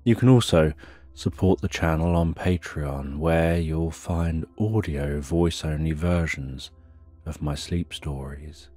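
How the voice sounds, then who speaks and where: A man narrating a bedtime sleep story in a calm, soothing, unhurried way with long pauses, as a sleep story narrator. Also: a bass voice, soft background music. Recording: soft rain behind the voice. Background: rain.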